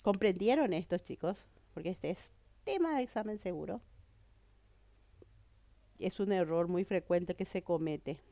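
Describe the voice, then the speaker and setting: A woman's voice: on the low side, animated, unhurried, pauses often, dark tone, dry recording. A woman teacher with a cold, explaining a grammar lesson and often checking that students follow. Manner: explanatory, checks understanding with "¿verdad?" and "¿mm?". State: has a cold.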